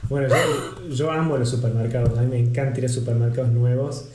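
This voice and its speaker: Male host, Argentine Rioplatense accent, mellow dark tone, echoey room with faint background hiss. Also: mid-range voice, steady tone, fairly quick. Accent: Rioplatense Argentine Spanish. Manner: attentive, brief backchannels and jokes. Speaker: host, interviewer. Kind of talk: casual conversational interview.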